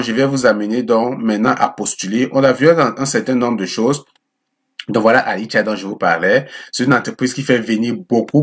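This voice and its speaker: A man walking viewers through a job application site in a chatty screen-share tutorial, often repeating himself and checking in with them. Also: mid-range voice. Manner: chatty, repeats words, calls viewers friends; checks in with frequent "ok?". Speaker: immigration advice YouTuber.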